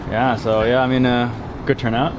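A man chatting in a relaxed, easygoing way as a gathering winds down. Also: mid-range voice, moderate pace, background noise.

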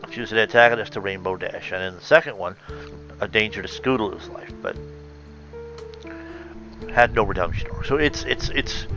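A man with a lowish voice reads a story aloud, then breaks off to think it through, hesitating and correcting himself as he goes. The sound is a little muffled, with faint music underneath. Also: bright, forceful tone. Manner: thoughtful, halting, many fillers and self-corrections. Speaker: reader and reviewer of fan fiction. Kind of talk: reading aloud with commentary.

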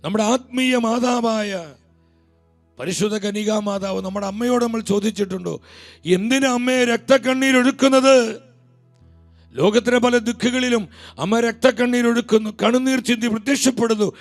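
A Malayali man delivers an impassioned sermon in a high, gravelly voice. He presses his questions with pleading force, then sinks to a hushed, low tone. Soft music plays faintly behind him. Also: fairly even intonation, fairly quick.

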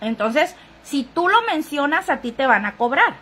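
A woman's voice: high voice, very animated, normal speed, fairly bright tone. A woman hosting a casual gossip live stream, chatting straight to viewers, thanking commenters and sniffling now and then. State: sniffly, runny nose.

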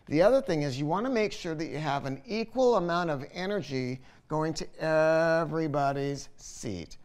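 An older man gives a casual product review to camera from his home listening room, voicing strong opinions and repeating words for emphasis. His voice is a little high and clean in tone, expressive, and moves at a moderate pace.

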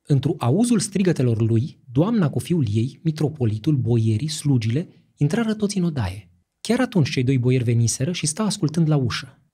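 Male audiobook narrator for historical fiction, dramatic delivery, dark and husky. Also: mid-range voice, big pitch swings. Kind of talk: scripted literary narration.

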